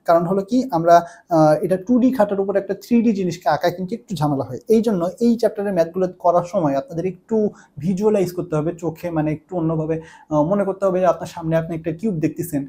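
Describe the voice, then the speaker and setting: A fairly high, mellow male voice, moving at a brisk clip through an online math lesson. He explains ideas with everyday examples and keeps checking in with his students. He is recorded indoors in a room. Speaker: math teacher.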